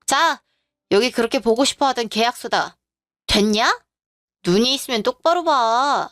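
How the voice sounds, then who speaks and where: A woman's voice: on the high side, normal speed, a bit bright, no echo, clean studio sound, soft background music, lightly acted. A woman voicing a rude, entitled young sister-in-law in an audio drama, answering back with mocking retorts. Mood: taunting.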